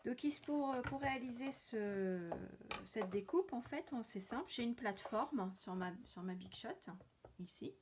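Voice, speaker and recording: A woman with a fairly high, animated, darkish voice speaks at normal speed while leading a card-making tutorial. It's a casual demonstration in which she talks through her work, full of hesitations and fillers, with slight background noise.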